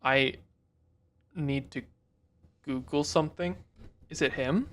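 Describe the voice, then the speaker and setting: A man's voice: fairly high pitch, slow pace, fairly bright tone. A man hosting a reaction video, chatting casually, rambling, cutting himself off and cracking jokes. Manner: rambling, self-interrupting, jokey.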